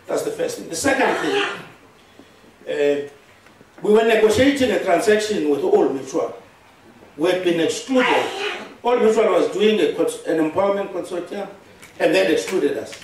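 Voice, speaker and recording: A South African man in middle age, a Xhosa speaker, delivers a funeral eulogy in a relaxed storytelling way, chuckling as he goes. His voice sits fairly high for a man. The live stream is heavily echoey and picks him up from a distance, with a faint hiss behind. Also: moderate pace, long pauses. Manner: conversational storytelling, chuckles often, mixes Xhosa phrases into English. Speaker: eulogist, former business partner. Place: large hall at a funeral service.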